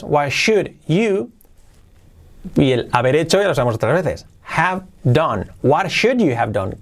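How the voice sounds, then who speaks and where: Lively teacher repeating phrases. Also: male voice, a little high. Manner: repeats English phrases slowly, explains quickly. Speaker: English teacher. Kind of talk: grammar lesson.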